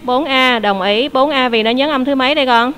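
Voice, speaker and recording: A woman's voice: sits high, fairly quick, a bit bright, a little hiss or hum. A woman teacher, leading an online English class, explaining answers patiently and quizzing her students.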